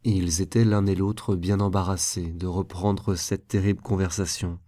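A man narrating a classic novel as an audiobook, with a measured, even reading. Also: sits low, no echo. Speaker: reader.

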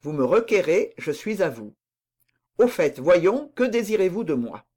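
A reader voicing a grave older count and reserved father, speaking in a calm, measured way in an audiobook. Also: medium pitch. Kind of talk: audiobook reading of dialogue.

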